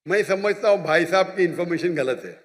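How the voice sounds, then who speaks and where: A man's voice: high voice, fairly quick, long reverb tail, background noise. A man answering an audience question at a public religious talk, lecturing emphatically and often checking that he is understood. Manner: lecturing, emphatic, repeats points with "you understand?". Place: large hall with an audience.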